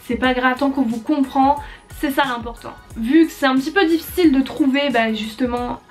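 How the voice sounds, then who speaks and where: A woman's voice: high voice, normal speed, soft background music. A woman in her twenties chatting casually to camera with lots of fillers and hesitations, giving tips on learning English. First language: French. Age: 20s. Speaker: YouTuber. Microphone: compact camera.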